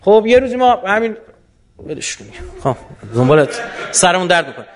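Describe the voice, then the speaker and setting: A man answering audience questions in a colloquial lecture, animated and full of rhetorical questions. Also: high-pitched.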